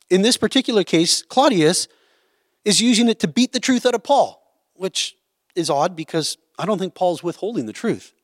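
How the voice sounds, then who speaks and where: A man's voice: sits high, no room sound, studio quality. A man teaching a Bible study, explaining a passage in a conversational way and often checking in with "right?".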